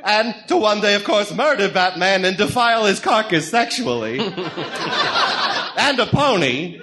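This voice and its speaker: A man's voice: sits high, very animated, unhurried, a crowd in the background, exaggerated voice. A man playing a manic, sadistic clown supervillain in a comic-book radio drama, taunting theatrically with a cackling, sing-song menace. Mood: gleeful menace. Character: manic, gleefully sadistic male clown supervillain, mocking gangster.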